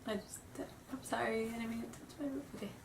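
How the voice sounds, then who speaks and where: A young woman vlogging casually from her room sounds stuffed up with a cold and rambles nervously, apologetic and giggly. Her fairly high, creaky voice moves fairly quickly with fairly even intonation. Distant, roomy camera audio captures her along with background noise.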